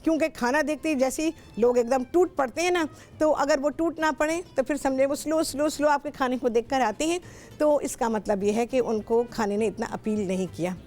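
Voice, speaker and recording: A woman's voice: sits high, brisk, darkish tone. A middle-aged woman with a Pakistani Urdu accent, hosting a television cooking show and chatting with callers in a talkative, instructive way. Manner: talkative, instructive, repeats herself often. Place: television studio.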